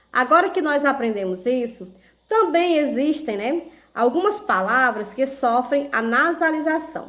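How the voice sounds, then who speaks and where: A woman's voice: sits high, fairly bright tone. A Brazilian woman teaching a video lesson to young pupils, explaining patiently step by step and checking they follow. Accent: Brazilian Portuguese. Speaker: primary school teacher.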